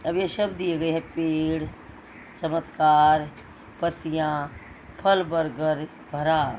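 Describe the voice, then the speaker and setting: A man's voice: on the high side, little pitch movement, slow, darkish tone, slight background noise, poor audio. A male primary school teacher giving a recorded lesson to young pupils, patient, repeating words and answering his own questions.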